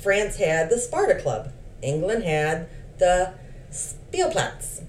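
A woman's voice: fairly low pitch, big pitch swings, slow. A woman co-hosting a podcast, reading history notes aloud in a casual chat and breaking off for playful asides. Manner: reads facts with playful asides. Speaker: podcast co-host. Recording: roomy, slightly distant mic with faint hiss.

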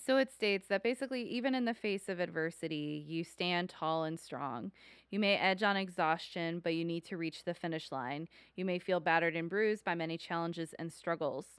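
A woman's voice: fairly low pitch, normal speed, clear, resonant tone, no room sound. A young adult woman co-hosting a casual podcast, earnest and laughing easily. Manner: earnest, reads aloud then laughs easily. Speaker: podcast co-host.

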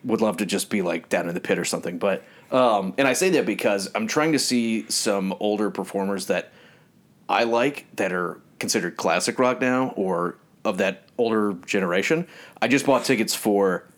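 Man, low voice, casual podcast co-host, laughs often, animated stories. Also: moderate pace. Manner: animated storytelling with frequent laughs. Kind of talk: casual chat.

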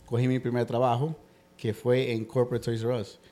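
A man in his thirties from Ecuador, a podcast guest who tells his story in a relaxed way with frequent hesitations. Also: mid-range voice, normal speed. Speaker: guest, construction business owner. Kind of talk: casual podcast interview.

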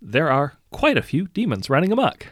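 A man's voice: a little high, huge pitch swings, moderate pace, dry recording, studio quality, pitched above the performer's own voice. A man voicing a greedy hero turned lord who makes hollow, falsely sympathetic threats in a storybook. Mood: menacing.

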